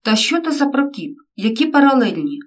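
A worried, reproachful mother who demands answers from her teenage son, voiced by a woman reading a story. Middle pitch, heard a little back from the microphone. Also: sing-song, moderate pace, a little mellow, recorded from a distance, natural voice. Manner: reproachful, questioning.

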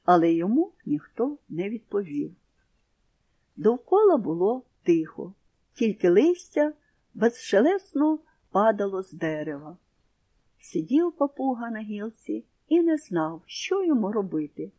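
Lively woman reading a children's story. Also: medium pitch, unhurried. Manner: expressive storybook reading with comprehension questions.

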